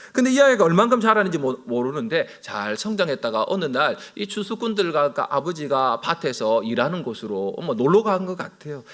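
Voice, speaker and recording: A male pastor, possibly in his thirties, preaches a sermon in church, swinging between loud emphasis and quiet asides and acting out the characters' lines. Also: fairly high pitch.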